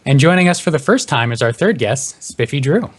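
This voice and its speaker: Fast-talking podcast host guy, upbeat, keeps the show moving. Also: medium pitch, very animated. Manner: brisk, upbeat introductions. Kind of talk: hosted panel discussion.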